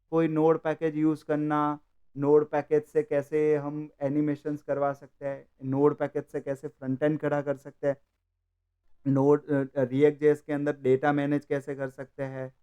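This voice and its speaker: A man's voice: on the high side, mellow, clean tone, low-quality recording. A man who runs a coding course, explaining his training while walking through projects on his screen. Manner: persuasive, explaining. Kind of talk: screen-share walkthrough.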